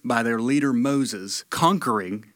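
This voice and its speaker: A man's voice: medium pitch, measured pace, a bit bright, dry recording, studio quality. A man from Tennessee with a Tennessee accent, hosting and teaching the Bible in a casual storytelling way, often repeating words.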